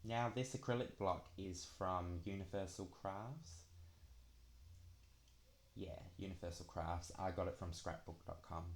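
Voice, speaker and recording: A man's voice: low voice, measured pace. A young man chatting casually through a craft walkthrough, dragging out his s sounds. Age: young adult. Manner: drags out the s sounds. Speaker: craft planner vlogger.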